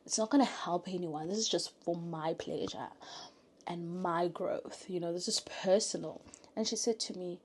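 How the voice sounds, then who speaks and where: A woman from South Africa with a South African accent, telling an earnest, faith-filled story in a casual vlog and often dropping to a soft whisper. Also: on the low side, moderate pace, slight background noise. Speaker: YouTuber.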